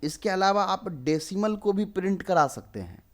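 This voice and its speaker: Young male tutor, slightly high voice, explains code step by step. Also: lively intonation, normal speed. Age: 20s. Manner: explains step by step, asks and answers his own questions. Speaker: programming tutor. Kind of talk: screen-recorded coding lesson.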